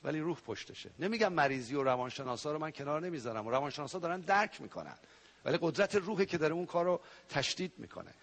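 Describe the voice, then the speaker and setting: High-voiced man preaching animatedly. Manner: animated preaching, sound effects and sudden loud cries. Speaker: pastor. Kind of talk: sermon.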